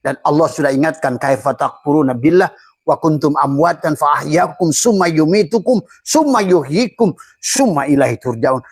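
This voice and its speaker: A man's voice: on the high side, lively intonation, normal speed, breathy edge, no room sound. An older male preacher, giving a sermon that recites Arabic verses and explains them with rising, emphatic phrases. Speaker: Islamic preacher.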